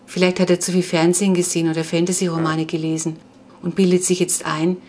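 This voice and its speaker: A woman reading the part of a thoughtful, soft-hearted middle-aged father in an audiobook, with a dry, grumbling manner. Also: lowish voice, level tone, fast, a little hiss or hum, close to an everyday voice.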